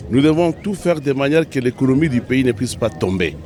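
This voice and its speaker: A man's voice: mid-range voice, animated, a little fast, a little mellow. A man, a conference attendee giving a hesitant street interview full of fillers.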